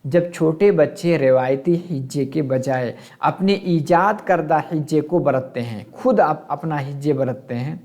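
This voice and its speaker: A man's voice: fairly high pitch, unhurried, hardly any pauses, a little mellow. A man teaching an exam-prep lesson, asking questions and answering them himself and glossing terms in English.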